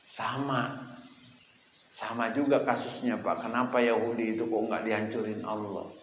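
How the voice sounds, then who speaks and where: Guy preaching at dawn, lowish voice, lots of questions to the crowd, echoey mosque, muffled sound. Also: normal speed, a little hiss or hum. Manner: animated, asks the audience questions and answers them himself. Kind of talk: dawn sermon to a congregation.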